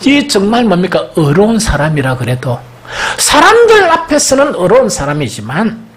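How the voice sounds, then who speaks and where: A man preaching in a Gyeongsang accent, his pitch swinging widely from phrase to phrase. He keeps throwing questions out to his listeners and then answering them himself. It is the delivery of a pastor in full sermon mode. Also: moderate pace. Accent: Gyeongsang Korean. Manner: animated preaching with frequent rhetorical questions to the congregation.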